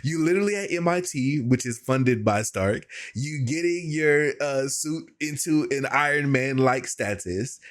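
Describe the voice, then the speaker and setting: A man's voice: medium pitch, expressive, unhurried, few pauses. A man hosting a reaction video, commenting in a casual, conversational way with plenty of slang.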